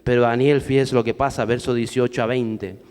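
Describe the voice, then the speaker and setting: A man's voice: medium pitch, flat delivery, brisk, a little mellow, in a large hall. A man preaching a sermon, emphatic and full of rhetorical questions to the congregation.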